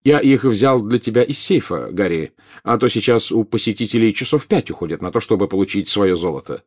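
A man voicing a relaxed, wry young wizard who talks with hesitant fillers. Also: fairly low pitch, a little fast. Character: easygoing young adult wizard brother, wry.

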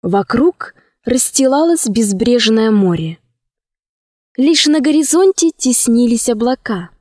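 A woman reads a children's story aloud in a calm, measured way. Her voice is slightly high and unhurried, recorded close and dry with no room sound. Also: dry recording. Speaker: narrator. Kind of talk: audiobook storytelling.

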